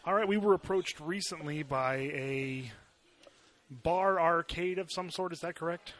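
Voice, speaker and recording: Joking male podcast co-host, bright voice. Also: fairly high pitch, unhurried. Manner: joking, laughs often. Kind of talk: casual chat.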